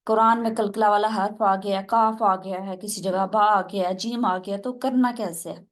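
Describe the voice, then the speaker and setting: A woman's voice: medium pitch, steady tone. A woman teaching tajweed in an online class, explaining step by step and asking her students questions. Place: online video call class.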